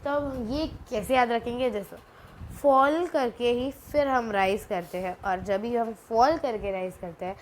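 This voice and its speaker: A woman's voice: fairly high pitch, unhurried, low-quality recording. A woman teaching a Chinese language lesson, explaining patiently, slipping in English phrases and repeating syllables to demonstrate. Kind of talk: casual spoken lesson. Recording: faint background noise.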